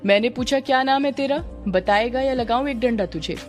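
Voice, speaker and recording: A woman's voice: on the high side, fairly quick, soft background music, close to an everyday voice. A woman voicing a stern, angry female police officer who questions and scolds suspects. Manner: commanding, scolding.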